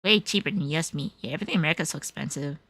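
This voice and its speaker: A woman's voice: low-pitched, fast, pushed and bright, husky, dry recording. Chatty young woman, dry close sound. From California. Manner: switches between Japanese and English, chatty, laughs often. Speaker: livestream host. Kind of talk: casual chat answering viewers.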